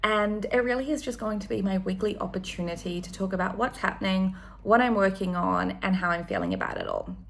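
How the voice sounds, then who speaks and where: A woman's voice: mid-range voice, sing-song, fairly quick, vocal fry, fairly bright tone. A woman in her thirties, from New Zealand, chatting enthusiastically in a casual one-take vlog with frequent ums. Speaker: vlogger.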